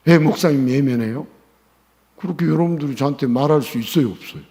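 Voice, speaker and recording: A man preaching a Sunday sermon in a church sanctuary, his voice sitting a little high for a man. He moves from near-whispered pleas to loud, emphatic appeals, and a long reverb from the hall hangs behind every phrase. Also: fast talker, gravelly. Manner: emphatic preaching that swings between hushed pleas and loud calls. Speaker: pastor.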